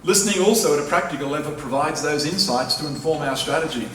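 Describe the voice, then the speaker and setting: A man with a fairly high, slightly bright voice speaks quickly while giving a public lecture as a professor. Emphatic and persuasive, he repeats crucial phrases for emphasis inside a large university lecture hall. The recording is reverberant and distant-miked, with faint noise.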